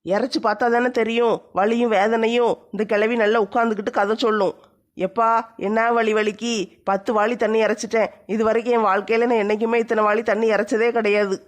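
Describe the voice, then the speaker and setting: A woman voicing a sore, fed-up young woman hauling water, grumbling in a low, slow voice. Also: level tone, lightly acted.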